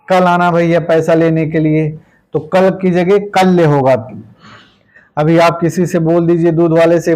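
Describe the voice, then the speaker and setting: Patient, fairly high-voiced male Hindi teacher. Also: a little mellow, low-quality recording. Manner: repeats words slowly, tags lines with "ठीक है"; plain, patient explaining with everyday examples. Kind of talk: exam-prep grammar lesson.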